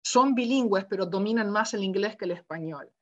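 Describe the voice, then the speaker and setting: A woman lecturing to teachers in a relaxed, conversational way, often asking "¿verdad?" and acting out quoted dialogue in her stories. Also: medium pitch, brisk, lo-fi sound. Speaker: university education lecturer. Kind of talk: lecture given online.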